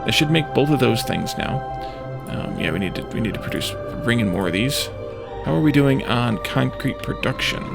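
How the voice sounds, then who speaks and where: This let's play host has a creaky, mid-range voice with lively intonation and a moderate pace. He chats casually about the video game, musing aloud in short snippets, with game music underneath.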